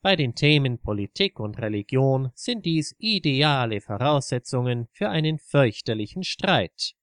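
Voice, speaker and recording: A man narrating a scripted story in an even, steady reading voice. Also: medium pitch, measured pace, no echo, clean studio sound.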